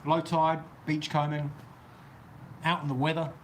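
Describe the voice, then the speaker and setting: With a level tone and an unhurried pace, a man with a New Zealand accent and a voice on the high side talks amid slight background noise. He casually rambles through viewer comments on a livestream from a golf course's outdoor weather shelter.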